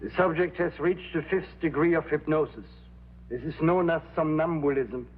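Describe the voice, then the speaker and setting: A man's voice: on the high side, lightly acted. Actor as grandiose con-man hypnotist, tinny old soundtrack. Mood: solemn, pompous. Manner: grandiose, deliberate pronouncements. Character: con man posing as a temperamental German hypnotist professor. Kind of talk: vintage crime drama acting. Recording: tinny band-limited old TV soundtrack, humming noise.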